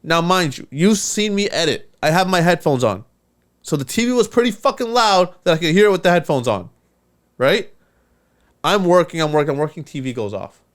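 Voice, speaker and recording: A man spins a story in casual podcast talk. He swears often and acts out the voices of the people in his tale. His voice sits fairly high for a man. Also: a little fast. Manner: animated, profane, acts out quoted voices. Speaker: podcast co-host.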